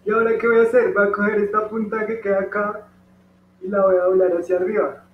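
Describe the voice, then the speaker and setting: An origami teacher, male, high-voiced and Colombian Spanish-accented, talks fast with a flat delivery while walking kids through folding and coloring a paper dog. He remains patient and encouraging, speaking to the children directly and checking in with them regularly. The audio is dull with a faint hum, recorded far from the microphone in a large room.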